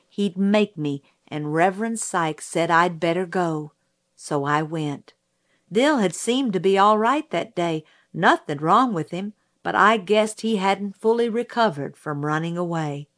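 A woman narrating an audiobook. She reads slowly and carefully, letting each line settle. Her voice is mid-pitched and steady. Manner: slow, measured storytelling.

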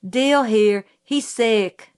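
A spirited little tomboy, voiced by a woman. She talks up high and matter-of-factly, sure of herself. The storybook voice is brisk and plain. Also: a little mellow, smooth. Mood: eager. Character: spirited tomboy girl, blunt and matter-of-fact.

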